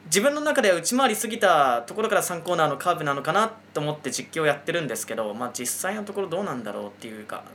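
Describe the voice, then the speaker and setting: A man's voice: fairly high pitch, very animated, rapid-fire, few pauses, fairly bright tone, a little hiss or hum. A man in casual podcast chat, politely reflecting on his own race-calling. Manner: polite, reflective, self-critical. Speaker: aspiring race caller.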